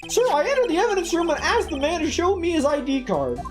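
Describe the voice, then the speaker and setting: Woman putting on a squeaky, flustered young patrolman. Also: fast talker, music in the background. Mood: flustered, insistent. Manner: excitable, earnest. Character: flustered, eager young male patrolman protesting to his superiors. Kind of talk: amateur video game dub.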